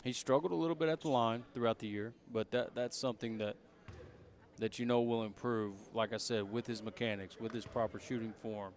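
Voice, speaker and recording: A man's voice: medium pitch, a little fast. A man giving basketball color commentary, emphatic and full of praise for the players. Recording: loud arena crowd behind. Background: crowd noise, basketball bounces.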